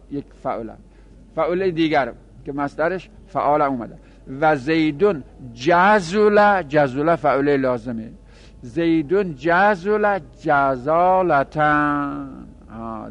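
A man teaching a grammar lesson to seminary students, chanting example words slowly and then explaining them in quick asides. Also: fairly high pitch, dull audio. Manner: addresses students directly, with small laughs. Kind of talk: classroom lecture on Arabic grammar.

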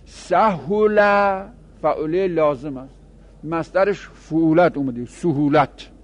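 A man teaching a grammar lesson to seminary students, chanting example words slowly and then explaining them in quick asides. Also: on the high side, highs cut off. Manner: addresses students directly, with small laughs. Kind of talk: classroom lecture on Arabic grammar.

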